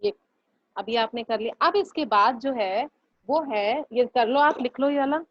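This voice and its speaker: A woman teacher leading a grammar class, patiently repeating each word slowly and breaking it into sounds for her students. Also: fairly high pitch, lo-fi sound. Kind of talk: online class lesson.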